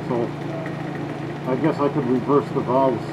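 A man speaking through a full face mask, half yelling and thinking aloud as he tests a product. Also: mid-range voice, fairly even intonation, measured pace. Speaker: product tester. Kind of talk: casual product test. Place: indoor room with air conditioning. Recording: muffled, with loud air conditioning hum.

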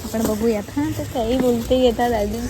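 At normal speed, a high-voiced, talkative vlogger from Alibag, Maharashtra, chats and narrates casually, teasing and scolding playfully. She's outdoors in a coastal fishing village, and the handheld phone with headphones captures a noisy recording.

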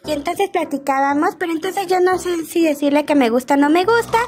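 A woman's voice: high voice, brisk, a little mellow, a little hiss or hum, pitched above the performer's own voice, lightly acted. A woman voicing an earnest, chatty little rich girl with a Mexican accent in a video game role-play, talking in a childlike, rambling way. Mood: rambling, confiding.

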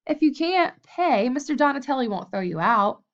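A woman's voice: high-pitched, sing-song, normal speed, pitched above the performer's own voice. A woman voicing an eager, friendly young male gym helper, in a lo-fi audiobook recording. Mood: reassuring.

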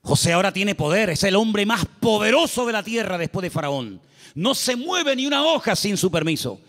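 A man's voice: sits high, very animated, normal speed, fairly bright tone. A man with a Canarian accent preaching a sermon in a church, emphatic and repetitive with humorous asides. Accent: Canarian Spanish. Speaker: pastor. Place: church sanctuary. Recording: long reverb of a church hall.

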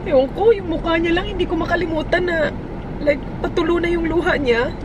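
A woman's voice: very high-pitched, fairly quick. A woman, a mother chatting emotionally in a casual vlog. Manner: emotional, chatty, mixes English and Tagalog. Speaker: mother and vlogger. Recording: loud car and street noise.

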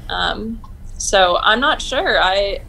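A woman in her thirties, an Olympic sailor, is a guest interviewed over a video call from a room at home. Her mid-range voice is gravelly, bright and forceful, slow yet expressive, and she chats upbeat with frequent ums.

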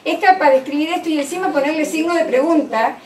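A woman's voice: high voice, quick pace, a crowd in the background. A woman giving a conference lecture on children's writing, explaining with many fillers and restarts. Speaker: lecturer on early literacy. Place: conference hall. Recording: echoey hall, distant mic, faint noise.

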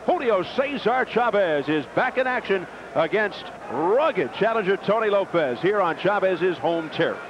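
An American man doing play-by-play sports commentary from ringside as a boxing broadcaster. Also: high voice. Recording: noisy, dull old TV broadcast tape.

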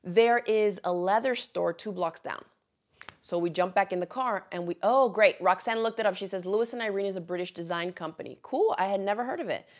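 A woman in her thirties from Miami, USA, a native Spanish speaker, hosts a casual live craft chat for her channel at a fixed camera in a small indoor craft room with quilts on the wall. Her mid-range voice is chatty and animated; she laughs often and reads viewer comments aloud.

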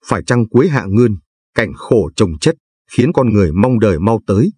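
An older man from Vietnam, a Buddhist lay narrator, reciting scripture and verse in a slow, solemn, chanting way with a husky voice. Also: on the low side, sing-song, mellow, no echo.

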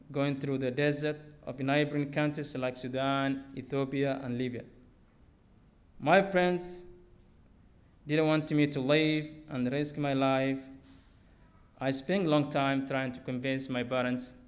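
A young man tells his own story on a theater stage, reading steadily from his notes at a lectern. His voice sits at an ordinary middle pitch and comes through a podium microphone. His phrasing is simple and measured. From Somalia. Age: young adult. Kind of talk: personal story read aloud on stage.

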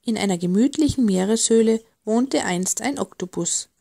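A woman narrating a children's storybook in a gentle, expressive way. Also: on the high side, moderate pace, vocal fry. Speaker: audiobook narrator.

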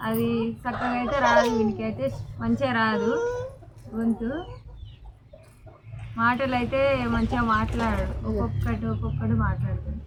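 Cooking in the sun by a smoky wood fire, a woman with a Telangana accent teases her kids and chats casually for her vlog. She's a mother with a slightly high voice, and the background is noisy.

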